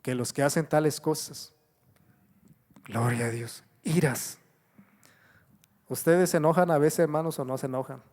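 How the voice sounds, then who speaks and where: The sermon comes from a middle-aged man whose voice is a little high, steady and darkish, delivered unhurriedly with long pauses. He exhorts the congregation repetitively, calling them brothers, asking rhetorical questions and frequently saying "gloria a Dios."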